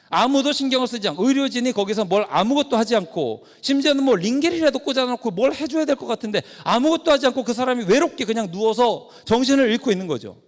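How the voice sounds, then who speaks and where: A high-pitched male pastor tells a personal story in the rhythm of a sermon and slips into each character's lines as he goes. His voice carries a long, hall-like reverb. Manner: animated, acts out dialogue. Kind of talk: sermon-style storytelling lecture.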